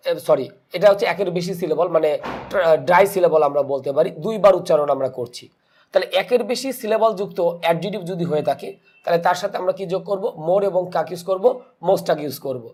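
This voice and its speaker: A man's voice: sits high, darkish tone. A man teaching English grammar for exam prep in Bengali with a Bangladeshi accent, posing questions to students and answering them himself, mixing English terms into his speech.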